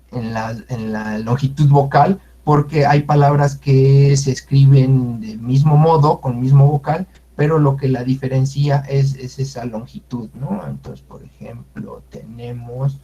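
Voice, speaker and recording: A man giving an informal language lesson, explaining unhurriedly with many fillers and sounding out words slowly. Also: mid-range voice, warm tone. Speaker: Nahuatl language teacher. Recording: muffled lo-fi audio.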